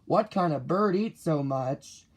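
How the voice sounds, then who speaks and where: A man's voice: a little high, lively intonation, slow pace. A man reading the lines of a fussy, worried mother bird in a storybook, in a doubtful, anxious manner.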